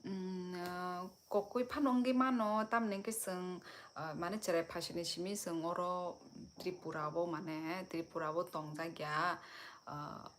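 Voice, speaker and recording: A woman's voice: lowish voice, fairly even intonation, slow, fairly bright tone, a little hiss or hum. A young woman from Tripura hosting a casual live stream, chatting with viewers and answering their comments.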